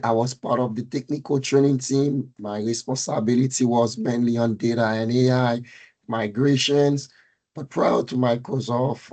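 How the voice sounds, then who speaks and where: Middle-aged male presenter with a Haitian Creole-French accent, unhurried and a bit husky, pausing often on fillers. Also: mid-range voice, a little mellow. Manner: halting, many fillers and restarts. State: recovering from a fever and cold. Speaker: meetup speaker, data architect. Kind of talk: technical presentation on a video call.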